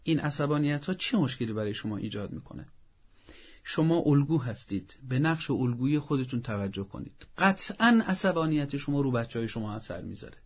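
A man giving calm, instructive advice on a talk show, laying out steps one by one with everyday examples. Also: mid-range voice, lo-fi sound. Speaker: family advice expert.

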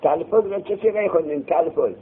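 A man teaching a grammar class, quizzing his students with quick questions, answering them himself and scolding them to put things away and listen. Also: fairly high pitch, a little hiss or hum. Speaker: seminary teacher. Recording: tinny phone-like lo-fi recording.

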